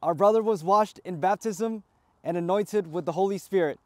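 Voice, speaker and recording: Priest, male, high voice, measured recitation of funeral liturgy, dry sound. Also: dry recording. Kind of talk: graveside funeral rite.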